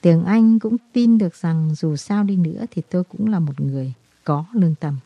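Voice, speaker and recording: A woman voicing a guilt-ridden, despairing man who confesses in a halting, brooding way, in a storybook reading. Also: lowish voice, creaky, no echo, highs cut off.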